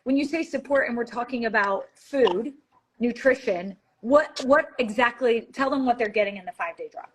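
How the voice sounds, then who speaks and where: A bubbly woman hosts a casual live-stream chat. Her voice sits a little high, and she talks in a chatty, upbeat way with frequent laughter. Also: moderate pace, breathy edge. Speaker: host of a live wellness chat.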